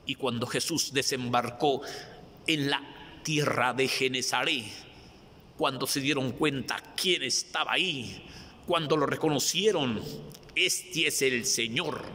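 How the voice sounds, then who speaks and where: A man's voice: medium pitch, unhurried, bright, forceful tone, long reverb tail. A man preaching a sermon, pleading with repeated calls to cry out to the Lord for rescue.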